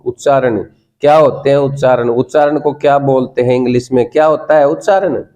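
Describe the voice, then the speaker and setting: A man's voice: mid-range voice, steady tone, brisk, a crowd in the background. A man with an Indian accent teaching a spoken English class, coaxing the students and repeating prompts for them to say back. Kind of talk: classroom lesson.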